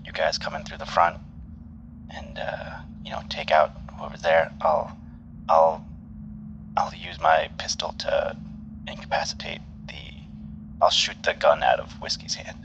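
A man's voice: extremely low pitch, flat delivery, a little slow, gravelly, pauses often, highs cut off, background noise. A man playing a tabletop game, eagerly laying out a plan with stumbling restarts. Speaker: player. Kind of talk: casual tabletop play.

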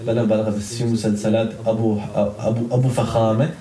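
Rapid-fire man over crowd chatter. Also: lowish voice, level tone. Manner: rambling with repeated words. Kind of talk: casual chat. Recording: echoey room with crowd chatter behind.

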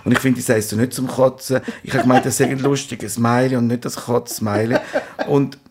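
A man's voice: medium pitch, steady tone, brisk, a little mellow, husky. A man with a Swiss German accent, ranting and complaining in a casual podcast chat.

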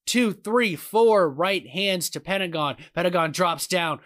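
A man doing wrestling play-by-play commentary as a commentator, calling each move and exclaiming excitedly at the big ones. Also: high-pitched, measured pace, dry recording, studio quality.

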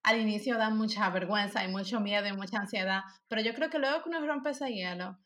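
A young woman, telling stories as an animated co-host in a casual chat. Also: medium pitch. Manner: animated storyteller, fast and chatty.

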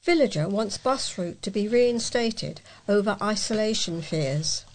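A woman reading local news stories aloud in a plain, even delivery as a volunteer reader. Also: medium pitch, unhurried.

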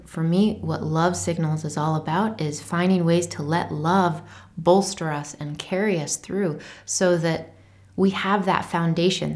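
Tender, lower-pitched woman podcaster. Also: gravelly, a little mellow. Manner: tender, earnest, thoughtful with pauses. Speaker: podcast host. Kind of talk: reflective casual solo talk, with a short letter read aloud. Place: small unfinished home creative studio.

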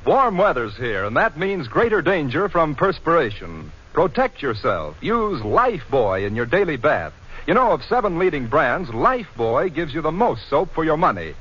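A man's voice: on the high side, big pitch swings, normal speed, a bit bright, slightly rough, soft background music. A man with an American accent reading a scripted 1940s radio advertisement as an old-time announcer. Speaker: commercial announcer. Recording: muffled vintage 1940s radio broadcast.

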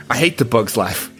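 A man's voice: medium pitch, a bit bright. A man playing a tabletop game, joking around and asking rules questions. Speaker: player. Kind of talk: casual tabletop game play.

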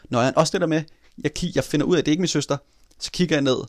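A man in casual chat telling a personal story in an animated way, swearing casually. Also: fairly high pitch, dry recording, studio quality.

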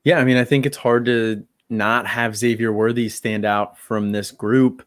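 A man's voice: mid-range voice, fairly even intonation, measured pace, no room sound, clean studio sound. A man co-hosting a podcast in a casual sports analysis chat, talking in a hesitant way with lots of fillers. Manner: hesitant, leans heavily on "you know" and "um". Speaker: podcast co-host.

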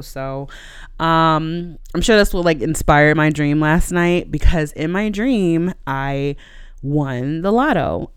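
A podcast host chatting casually and conversationally alone, in a smooth, clear voice close to the microphone. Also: medium pitch, no echo. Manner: conversational, laughs easily while talking.

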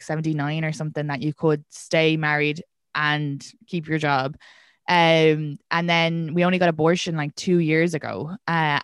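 A woman's voice: lowish voice, no echo, studio quality. A young Irish woman, a stand-up comedian, chatting casually and telling stories with energy. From Ireland. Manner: chatty, animated storytelling with laughs. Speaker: stand-up comedian, podcast guest. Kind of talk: casual conversational chat.

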